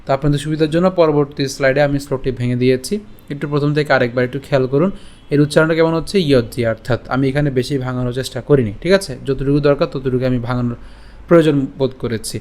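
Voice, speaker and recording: A man teaching a scripture class, explaining Sanskrit pronunciation step by step and slowly chanting the verses. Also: mid-range voice, steady tone, darkish tone.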